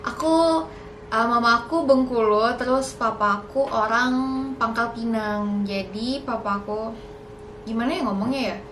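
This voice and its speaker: A woman's voice: fairly high pitch, unhurried, fairly bright tone, echoey room, slight background noise, poor audio. A young woman in a casual Q&A vlog, chatty and a little nervous, mixing in English words. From Indonesia. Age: young adult. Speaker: YouTuber.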